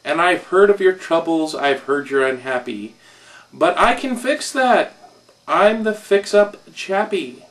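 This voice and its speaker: A man reading aloud and voicing a sly, fast-talking salesman with a smooth sales pitch, a little off-mic. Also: expressive, a bit bright, recorded from a distance, rough recording.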